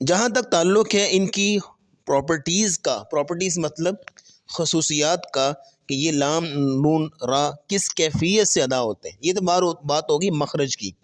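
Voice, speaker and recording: A man teaching Quran pronunciation, explaining step by step and stretching letters slowly in drills, with English terms mixed in. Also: on the high side. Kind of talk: tajweed lesson with spoken drills.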